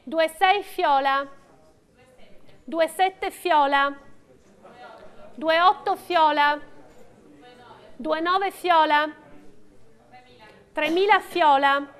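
A woman's voice: sits high, drawn-out words, long pauses, a bit bright. A middle-aged woman working as an auctioneer, calling bids in short, repeated phrases of prices and names. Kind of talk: auction bidding calls.

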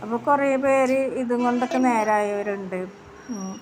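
A woman's voice: on the high side, moderate pace, darkish tone. A woman, chatting tiredly and plaintively to her subscribers about running her shop with her kids. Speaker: vlogger who runs a small tea shop. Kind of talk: casual vlog talk to subscribers. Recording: noisy background with traffic.

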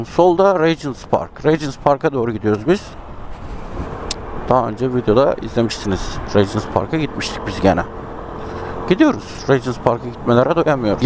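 His pitch is fairly high and a touch mellow as this Turkish man vlogs from his motorbike in city traffic. Chatty and musing, he remarks on the road to his viewers and to himself, while the engine and road hum faintly underneath.

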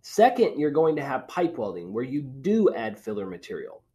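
Male presenter, thirties, animated pitch, webcam talk on slides. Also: normal speed. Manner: lively explanatory delivery, trailing off at line ends. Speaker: presenter for an equipment company. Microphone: webcam video call.

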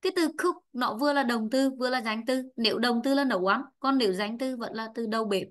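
A woman's voice: fairly high pitch, fast. A woman English teacher with a Vietnamese accent, a native Vietnamese speaker, giving an online lesson, drilling words by saying each twice and explaining in her own language.

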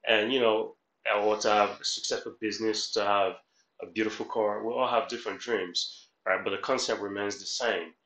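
This middle-aged man from Haiti, working as a life coach and reaction host, talks at normal speed in a lowish, steady voice that is a bit bright. His motivational commentary is instructive and repetitive, with regular check-ins with the listener, recorded indoors in a small home room with a roomy echo.

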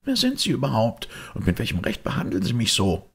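A man voicing a shrill, defiant middle-aged maid who shrieks and answers sullenly. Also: big pitch swings, a little fast, creaky, slightly rough, exaggerated voice.

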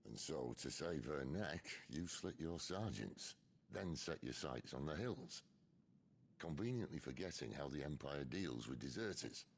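Raspy, gravelly rebel leader. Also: male voice, rumbling low, expressive, exaggerated voice. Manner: dry, measured, knowing. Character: gruff, wry middle-aged male rebel leader. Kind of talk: video game voice acting.

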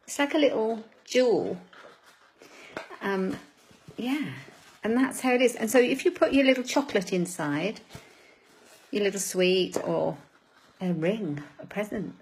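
A woman's voice: mid-range voice, expressive, unhurried, husky, low-quality recording. Chatty woman demonstrating a craft live. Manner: chatty, greets viewers by name; laughs at her own fumbles.

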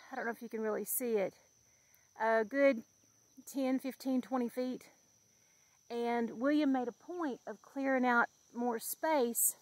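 Walking outdoors through a blackberry patch, a woman in her fifties films a homey, chatty vlog full of fillers and easy laughter. Her voice is a little high, and the recording is dry.

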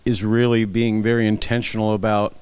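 A man on a church stage panel, sharing his testimony in a thoughtful, measured way with frequent uhs, into a handheld mic. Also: fairly low pitch, level tone, a little mellow, smooth, dry recording. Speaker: panel guest. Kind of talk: personal testimony.

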